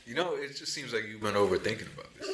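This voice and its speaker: A man's voice: lowish voice, expressive, fast. A young man co-hosting a podcast, laid-back and teasing in casual chat. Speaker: podcast co-host. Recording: roomy echo, background chatter.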